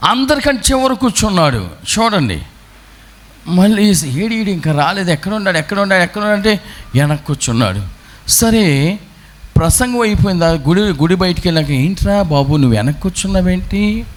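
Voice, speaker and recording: Brief: male priest, a little high-pitched, very animated, voices both people in his sermon story. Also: brisk. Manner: storytelling, acting out both sides of a dialogue. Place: retreat center.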